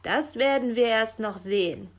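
A woman voicing a stern, bossy male raven official in a children's story, gruff and commanding, squawking "Kra" between sentences. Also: a little high, unhurried.

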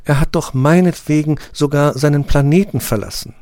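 A man's voice: a little high, normal speed, darkish tone, no echo, voice pushed up, lightly acted. A man reading an audiobook, voicing a proud, tender female rose flower that speaks formally and gets tearful. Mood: hopeful.

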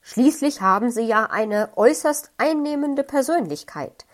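Woman voicing a fussy gentleman fox in a children's story, overly polite, flustered. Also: fairly high pitch, expressive, a little slow.

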